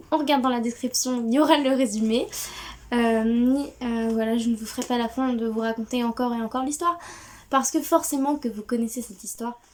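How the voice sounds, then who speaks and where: A woman's voice: a little high, darkish tone. A woman hosting a casual book haul, cheerful and gushing, with frequent hesitations and restarts. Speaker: book video host.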